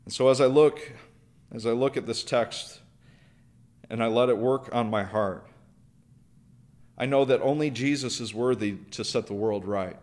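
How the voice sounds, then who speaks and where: A man's voice: medium pitch, a little slow, long pauses, a little mellow. A man preaching a sermon, earnest, building through repeated phrases and questions. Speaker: pastor.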